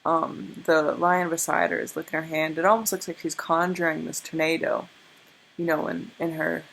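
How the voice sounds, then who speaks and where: A young woman with a slight stutter talks through a tarot card reading in a casual, rambling way. Her voice sits a bit low and sounds tired from lack of sleep. There is a faint hiss behind her. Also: level tone, normal speed, creaky, fairly bright tone, poor audio. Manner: stutters, with many restarts. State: tired from little sleep, yawning. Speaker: tarot reader.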